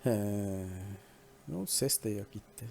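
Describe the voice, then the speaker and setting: A man's voice: lowish voice, expressive, measured pace, creaky, a little mellow, a little hiss or hum. Joking man narrating his gameplay. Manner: playful, joking, talks to the game. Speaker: gaming video host. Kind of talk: casual let's-play commentary.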